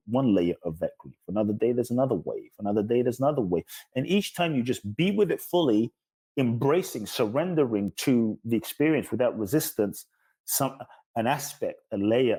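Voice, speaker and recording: With a warm, lowish voice edged with breathiness, a man interviewed as a spiritual teacher explains his self-help ideas earnestly, returning again and again to emphatic lists.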